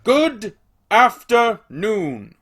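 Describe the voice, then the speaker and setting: An actor playing Scrooge, a bitter, scornful old miser who dismisses everyone with gruff outbursts. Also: male voice, high voice, big pitch swings, very slow, a bit bright, heavily acted. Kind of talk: amateur radio play acting.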